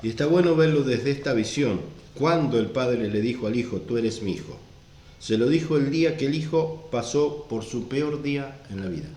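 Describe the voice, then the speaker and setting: A man's voice: medium pitch, darkish tone, reverberant. A man preaching a sermon, stressing and repeating his points as he reads scripture aloud. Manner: repeats and stresses verse references. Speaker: pastor.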